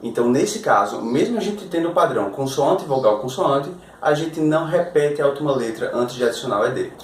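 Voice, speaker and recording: A man's voice: medium pitch, animated, a little fast. A man teaching an online language lesson, upbeat, explaining step by step and often asking the viewer questions. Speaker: English teacher. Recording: roomy echo, faint ambient noise.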